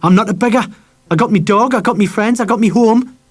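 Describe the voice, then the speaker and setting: A man's voice: high-pitched, fast, a little mellow, no echo, pitched above the performer's own voice. A man voicing a young boy from the North East, who answers bitterly and fiercely defends his freedom. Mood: defiant. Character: angry defiant young boy living alone.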